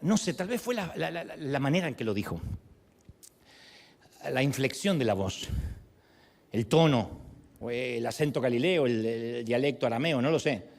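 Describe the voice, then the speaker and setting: A man's voice: mid-range voice, normal speed, vocal fry, long pauses. A male pastor preaching a sermon, telling the story with humor and playful asides. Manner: animated storytelling with humor and acted quotes.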